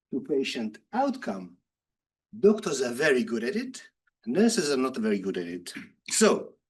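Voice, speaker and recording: Higher-pitched man presenting at a conference. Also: husky. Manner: interactive, putting questions to the audience and answering them. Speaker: university lecturer in nursing and health informatics.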